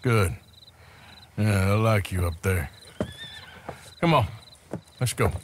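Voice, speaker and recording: An actor playing a gruff, world-weary middle-aged cowboy outlaw in a video game, with an American Western drawl and a gravelly, laconic delivery. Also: male voice, fairly low pitch, animated, takes it slowly, noisy background. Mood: wry, calm. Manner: laconic, dry. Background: loud music, horse hooves.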